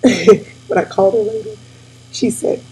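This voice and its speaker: A woman in her forties talking casually and warmly to her viewers, tearful and near crying, calling them y'all. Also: medium pitch, fairly even intonation, a little slow, husky, low-quality recording. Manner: tearful, addresses audience as y'all. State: weepy, near tears. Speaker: host. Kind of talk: casual heartfelt talk to viewers.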